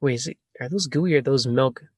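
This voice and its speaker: A man's voice: medium pitch, fairly quick, husky, dry recording, clean studio sound. A man hosting a casual podcast chat, rambling, laughing and correcting himself as he talks. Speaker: podcast host asking questions.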